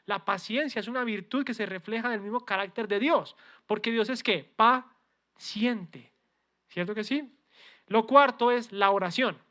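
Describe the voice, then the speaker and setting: Male pastor preaching, loud then soft. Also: a little slow. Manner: peppers talk with rhetorical questions to the congregation; swings between loud emphatic lines and soft low asides. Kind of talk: sermon.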